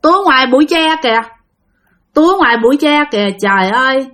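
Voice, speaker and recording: A woman's voice: lively intonation, fast talker, a bit bright. A woman voicing the angry ghost of an old woman who scolds a couple for breaking a promise. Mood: scolding. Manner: scolding, shrill and accusing.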